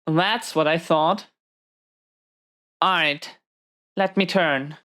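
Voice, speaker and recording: A woman's deep, fairly bright voice goes very slowly and is heavily acted as she plays an imprisoned supervillain, protective and fiery yet tender. Speaking defensively and hesitantly to an unseen listener in this intimate roleplay, she nonetheless sounds soft and relaxed.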